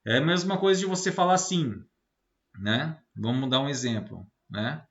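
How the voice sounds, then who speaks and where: Here a Brazilian man lectures informally on a technical subject, speaking in an animated mid-range voice at a moderate pace. Like a teacher, he explains step by step and frequently checks in with short tag questions seeking agreement. Audio is slightly muffled, roomy, and lo-fi.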